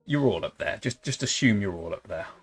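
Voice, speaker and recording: A young man with a lowish, animated voice talks a little fast with a breathy edge as he live-streams a strategy game, faint music playing behind him. He rambles and jokes casually, slipping into silly accents while chatting over the gameplay.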